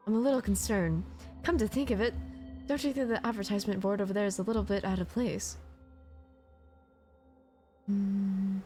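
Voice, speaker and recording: A woman's voice: medium pitch, steady tone, normal speed, long pauses, warm tone. A woman streaming a game, reading its text aloud expressively and adding casual commentary. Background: music.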